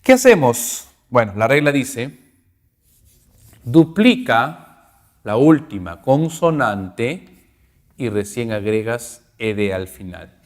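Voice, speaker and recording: A man teaching English grammar, at an ordinary middle pitch. He explains step by step and keeps checking in with "ok?". His voice has a long reverb, as if recorded in a hall. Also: sing-song. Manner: explains slowly, checking with "ok?" after each point.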